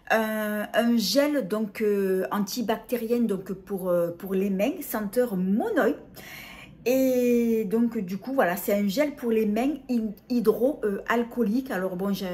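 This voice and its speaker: A woman's voice: mid-range voice, a little mellow. A middle-aged woman presenting a casual beauty haul, talking hesitantly with many fillers and restarts. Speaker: beauty vlogger.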